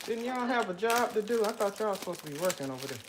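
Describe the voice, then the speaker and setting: A woman's voice: medium pitch, animated, fast. Woman host, casual live-stream crafting chat, stretches some phrases; audible crinkling noise in the room. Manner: chatty, talks to viewers while working, drawls some phrases. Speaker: live stream host making gift baskets. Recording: clear background noise with crinkling and clicks. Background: crinkling wrap and clicks from crafting.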